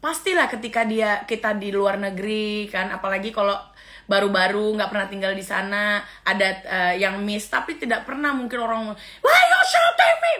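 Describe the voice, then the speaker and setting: A woman's voice: mid-range voice, normal speed, pushed and bright. A middle-aged woman vlogger ranting casually and scornfully, with frequent exclamations of disgust. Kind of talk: casual reaction rant.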